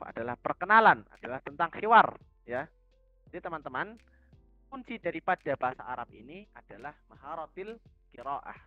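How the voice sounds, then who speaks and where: A man with an Indonesian accent teaching an online language lesson, explaining calmly and reading dialogue lines slowly. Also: dry recording. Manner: reads dialogue lines slowly with a raised pitch; explains calmly to the group in a casual way. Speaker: Arabic teacher. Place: voice chat on a community server. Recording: dull lo-fi voice chat audio.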